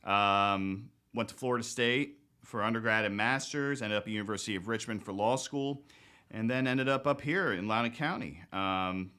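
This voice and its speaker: A man in his thirties, an attorney being interviewed, talking in a relaxed, halting way with lots of fillers and restarts. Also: on the low side, smooth. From born in Greece, grew up in the United States. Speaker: guest, attorney. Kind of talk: casual interview.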